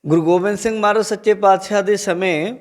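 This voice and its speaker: Man, Punjabi accent, religious storyteller, somewhat high voice, lively delivery. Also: quick pace. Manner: lively, quotes the Guru and tells a story to the congregation. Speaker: Sikh preacher.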